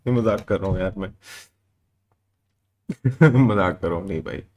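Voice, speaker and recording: A man's voice: low-pitched, unhurried, a little mellow. A male livestreamer in casual chat, joking and reading out super chats, mixing in English phrases.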